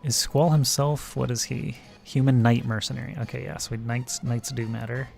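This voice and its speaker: A man's voice: mid-range voice, level tone, brisk, creaky, a little mellow, soft background music. A man casually thinking aloud while live streaming a digital card game, muttering card names and plays. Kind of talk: casual gameplay commentary.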